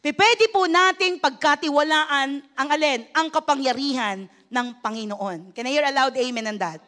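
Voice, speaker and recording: A woman pastor preaching a sermon in Tagalog mixed with English phrases. She calls on the congregation for amens and applause, and she moves between loud exclamations and hushed, low lines. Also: moderate pace.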